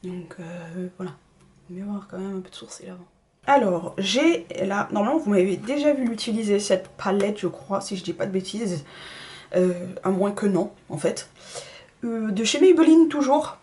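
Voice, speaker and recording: A woman's voice: medium pitch, animated, normal speed. Chatty woman doing a makeup tutorial. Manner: chatty, self-deprecating, trails off into soft asides. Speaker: beauty vlogger. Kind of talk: casual makeup tutorial chat.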